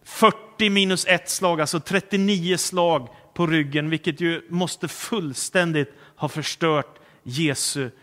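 A man preaching a sermon, retelling a story and slowing down and softening on solemn words. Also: a little high, big-room sound.

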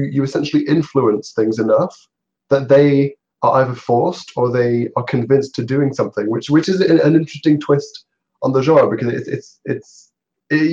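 A man chatting casually as a podcast co-host, his voice low and gravelly from a cold, with a dry, joking manner. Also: darkish tone, highs cut off. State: has a cold.

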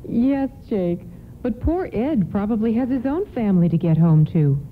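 In a radio play, a woman plays a polite, hesitant mother who is worried and stranded with her children. Her medium-pitched voice is expressive and lightly acted at a normal pace, and the broadcast sounds lo-fi with faint noise.

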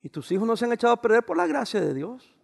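A pastor preaches a sermon to his congregation. He raises his voice and then drops to soft, quiet words. His voice sits high with a gravelly rasp, and a long church-hall reverb trails every phrase. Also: sing-song, racing.

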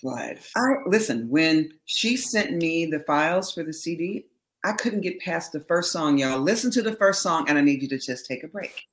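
Lively middle-aged woman telling stories. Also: sits low, moderate pace. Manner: animated storyteller, laughs often, acts out quotes. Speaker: interview guest, backing singer. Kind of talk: casual interview chat.

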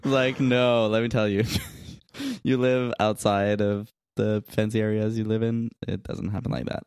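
A man's voice: on the low side, little pitch movement, a little mellow, clean tone, no room sound, clean studio sound. A man co-hosting a podcast, chatting casually and making teasing asides. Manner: teasing, quick asides and short back-channel replies. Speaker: podcast co-host. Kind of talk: casual chat.

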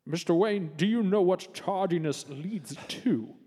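A man's voice: sits high, animated, a little slow, warm tone, husky, no echo, studio quality, exaggerated voice. A man voicing a smug, sarcastic, grandly menacing cartoon school principal with a formal, theatrical manner. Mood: sardonic. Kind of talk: cartoon voice acting.

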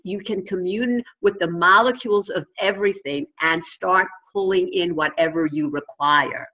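A woman's voice: medium pitch, bright, forceful tone, muffled recording. A woman with a New York accent giving conversational advice as an interview guest, emphatic and instructive, repeating phrases for emphasis. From New York, United States. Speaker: interview guest, consciousness coach and teacher.

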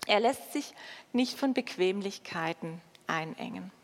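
A woman preaching a sermon and reading scripture in a slow, measured way with dramatic pauses. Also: mid-range voice, lively intonation. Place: church. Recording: long church reverb.

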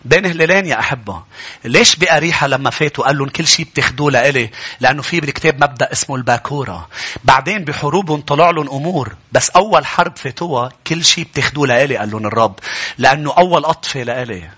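A male pastor, preaching a fervent sermon that climbs into shouts. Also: mid-range voice, animated, racing, husky.

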